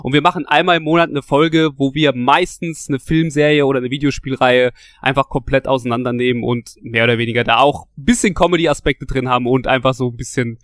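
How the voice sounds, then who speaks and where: A man's voice: mid-range voice, fairly even intonation, brisk, few pauses, fairly bright tone, no echo, studio quality. A man chatting casually and informally as a guest on a podcast. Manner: chatty, informal, self-mocking.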